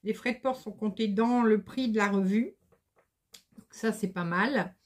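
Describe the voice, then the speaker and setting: This middle-aged embroidery vlogger has a mid-range voice and talks a little slowly. She chats casually to the camera about embroidery magazines, sounding hesitant and using lots of fillers.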